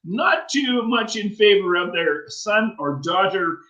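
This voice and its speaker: A man's voice: sits high, expressive, takes it slowly, sharp tone, muffled recording. A man co-hosting a radio talk show, asking the guest long, curious questions. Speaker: radio co-host. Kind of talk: casual radio interview. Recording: echoey room.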